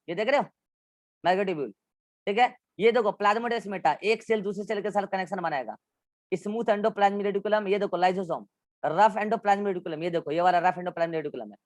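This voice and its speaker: A man's voice: sits high, no echo, studio quality. A male biology teacher giving an online class in with English science terms, walking students through textbook diagrams and repeating instructions.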